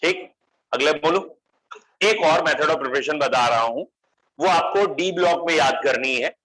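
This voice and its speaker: A man teaching chemistry to a class, his voice pitched a little high and ringing very bright. He coaxes answers from his students, calls them beta, and drops into English with an Indian accent now and then. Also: measured pace, poor audio. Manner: mixes English phrases into the lecture. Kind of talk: classroom lecture.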